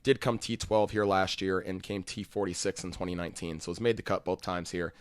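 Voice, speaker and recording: A fantasy golf podcast host with a low voice rattles off stats and picks in a casual, conversational way. He speaks fairly quickly with fairly even intonation and a clean tone, in a dry recording.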